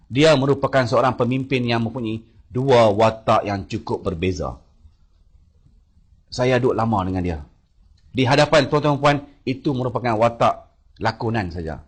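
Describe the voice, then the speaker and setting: A man's voice: on the low side, husky. A man from Malaysia giving a public speech, recounting his experience in a storytelling way and acting out quoted phone calls in a raised voice.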